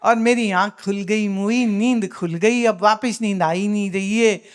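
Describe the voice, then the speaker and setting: A woman's voice: mid-range voice, fairly even intonation, measured pace, close to an everyday voice. A woman voicing a greedy man who haggles in his dream and pleads over and over. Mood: pleading. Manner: pleading, repeating himself.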